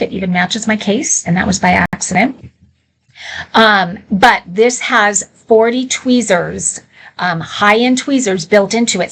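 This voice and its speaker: A chatty woman hosts a live shopping stream, giving an informal product demonstration full of candid, conversational asides. Her voice is medium-pitched, and the audio quality is poor.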